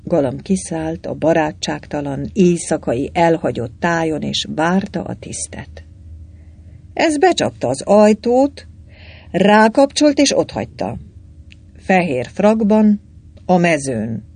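Male audiobook narrator, wry and expressive, husky, lively pitch. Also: dry recording. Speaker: audiobook reader.

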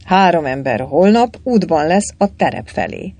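A man's voice: high voice, lively intonation, darkish tone. A man reading the part of a curt, mysterious male contact in a story, with terse, clipped lines.

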